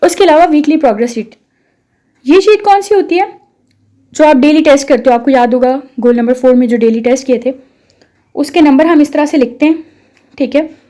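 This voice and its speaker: Bright-voiced Pakistani woman teacher, dark tone. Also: high-pitched, brisk, long pauses. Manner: explains step by step, with rhetorical questions and English mixed in. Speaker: English course instructor. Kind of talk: promotional course explainer.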